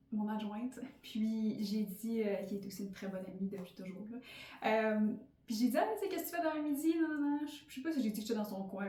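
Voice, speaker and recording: Her warm, high-leaning voice carries a Québécois French accent as this podcast host in her thirties shares a candid, casual monologue about herself, heavy on fillers. The mic sits a bit far off in a roomy setting.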